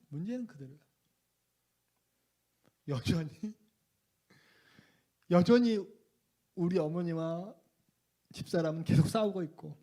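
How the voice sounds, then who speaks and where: A middle-aged man preaching a sermon in a church, telling his story with passion and moving between shouts and hushed tones. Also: fairly high pitch. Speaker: revival preacher. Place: church sanctuary.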